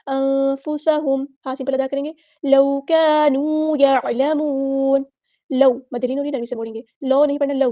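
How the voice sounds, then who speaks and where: A woman's voice: high-pitched, dark tone, dry recording, highs cut off. A woman teaching Quran recitation rules in a patient, instructive lesson, repeating each word the right way and the wrong way. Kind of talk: tajweed lesson, word-by-word explanation.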